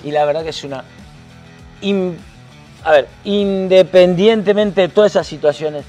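A Salvadoran man with a fairly high voice talks football on a sports show and acts out each play with bursts of sound words. He works as a football commentator. Soft music plays faintly behind him. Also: normal speed. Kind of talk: sports talk chat.

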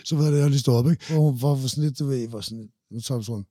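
A man's voice: medium pitch, dark tone, no room sound, clean studio sound. A man in his forties, a podcast guest, chatting casually in a rambling way with many restarts and a lot of swearing. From Denmark. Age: 40s. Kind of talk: casual chat.

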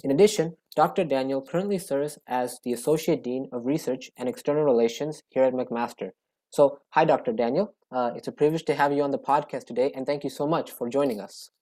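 A student podcast host with a mellow, warm tone reads a prepared introduction and then asks the guest scripted questions. The pitch sits in the middle of the range and the delivery is steady. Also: brisk. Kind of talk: podcast interviewing.

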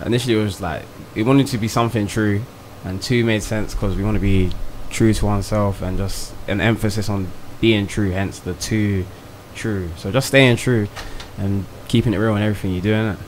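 A man's voice: fairly low pitch, steady tone, brisk, hardly any pauses, low-quality recording. A young man with a south London accent, answering casually in a group interview as a brand co-founder. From Croydon, south London, England. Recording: faint background noise.

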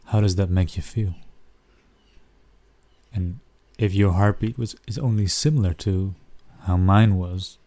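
Deep, mellow man guiding soothing relaxation. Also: no echo. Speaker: guide of a relaxation recording. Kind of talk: soothing guided relaxation narration, like a sleep story narrator.

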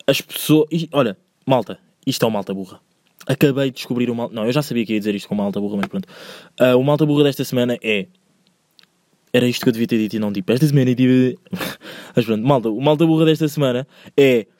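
A young man with a European Portuguese accent hosts a solo podcast from home. He talks at a rapid clip in loose, slang-filled rambles that build into heated rants. The recording is dry, with no room sound. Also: medium pitch, a little mellow, dry recording. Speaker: podcast host. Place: indoors, recorded alone at home.

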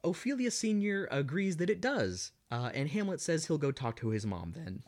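A man's voice: fairly high pitch, very animated, moderate pace, a little mellow. A man co-hosting a casual podcast, recapping a film scene by scene in a sarcastic, mocking tone and now and then hamming up quoted lines. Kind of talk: casual comedic chat.

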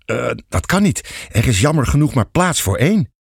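A man voicing a relaxed, easygoing neighbor who builds a rocket, in an audiobook story. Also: mid-range voice, normal speed, gravelly, breathy edge, dry recording, clean studio sound, exaggerated voice. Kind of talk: audiobook fairy tale reading.

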